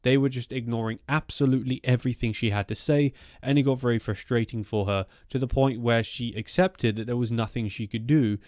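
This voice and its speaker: A man hosts an informal scary-story narration in an average-pitched male voice. He talks conversationally, wandering into asides as he goes. The sound is dry, with very little room in it. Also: steady tone, a little fast, hardly any pauses, a little mellow, no room sound. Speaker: storytelling host of a channel about strange encounters.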